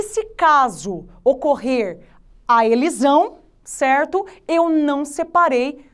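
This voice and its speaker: A Brazilian Portuguese-speaking woman teaching literature in an online exam-prep lesson, explaining step by step and checking in often with her students. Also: sits high. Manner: patient, explanatory, checks in often with tag questions.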